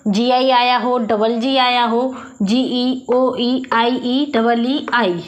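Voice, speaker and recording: A woman's voice: on the high side, steady tone, drawn-out words. A woman teaching English pronunciation with a Hindi accent, patiently explaining rules and repeating questions to the class.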